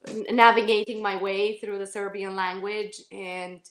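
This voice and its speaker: This Romanian woman, an actress in an interview, speaks at medium pitch with a flat, fairly bright delivery and a measured pace. Her answers are careful and halting, full of self-corrections, fillers and false starts, recorded in a reverberant room.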